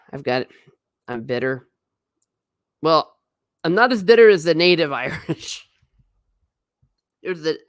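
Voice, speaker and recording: The voice is deep, belonging to a middle-aged woman, captured as clean studio sound with no room sound. Streaming casually, she rambles over travel photos and keeps being self-deprecating.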